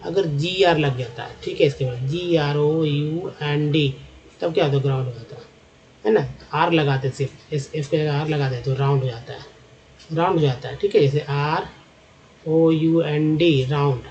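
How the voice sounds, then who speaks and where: A man teaching phonics, spelling out letter groups and then reading example words aloud in a patient, step-by-step way. His voice sits a little high but has a mellow, warm tone. The recording sounds dull and lo-fi. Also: brisk. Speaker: English teacher. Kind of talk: phonics lesson over slides.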